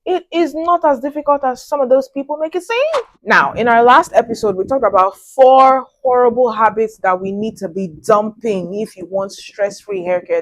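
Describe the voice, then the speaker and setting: Young woman vlogger, sassy and animated, higher voice, dry close sound. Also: no room sound, poor audio. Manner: sassy and animated, big swoops up in pitch. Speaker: natural hair vlogger. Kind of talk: casual direct-to-camera vlog.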